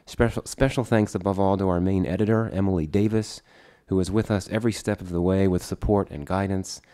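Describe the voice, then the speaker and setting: A man with a deep, warm voice speaks a little fast with fairly even intonation, though a head cold leaves him congested and slightly distorted. As the book's co-editor, he delivers a formal prepared speech at its launch in a conference room before an audience.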